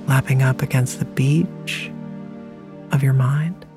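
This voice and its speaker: A meditation host guiding a relaxation hypnosis in a soothing, deliberate way with long pauses. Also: mid-range voice, fairly even intonation. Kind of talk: slow guided relaxation hypnosis narration. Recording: music playing behind the voice. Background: music.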